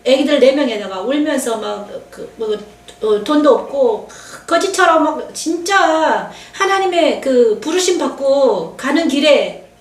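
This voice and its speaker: A woman's voice: high-pitched, far from the mic. A middle-aged woman pastor giving an emotional, confiding testimony sermon and acting out what others said. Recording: echoey room, voice from off-mic.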